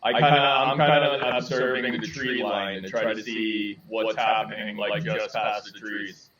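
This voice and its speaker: A man playing in a tabletop game, speaking casually in a low-key way. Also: fairly even intonation, a little slow, crowd noise. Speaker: player. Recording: echoey room, far from the mic, dull sound.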